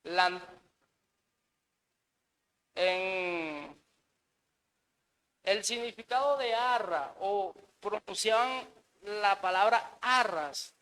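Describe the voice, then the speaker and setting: A man's voice: sits high, animated, drawn-out words, long pauses, pushed and bright, smooth, rough recording. A married man preaching a sermon in an earnest way, often repeating words and saying amen. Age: adult, married.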